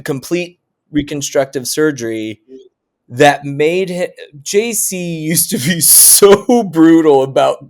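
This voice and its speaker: Chatty rambling man, slightly high voice. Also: animated, takes it slowly, darkish tone. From Oklahoma. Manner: rambling storyteller, lots of restarts and laughs. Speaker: guest co-host. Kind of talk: casual podcast chat.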